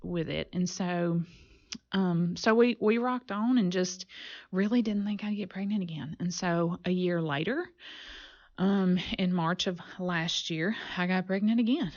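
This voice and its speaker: Woman in her forties, podcast guest, earnest faith testimony, lower voice, muffled sound. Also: measured pace. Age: 40s. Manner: earnest, reflective storytelling. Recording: muffled lo-fi audio.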